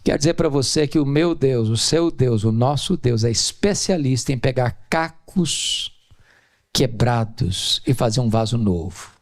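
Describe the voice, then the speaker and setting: A middle-aged Brazilian man preaching a sermon as pastor, telling stories and acting out the dialogue in a raised voice. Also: unhurried. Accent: Brazilian Portuguese. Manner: animated storytelling, acting out dialogue in a high voice.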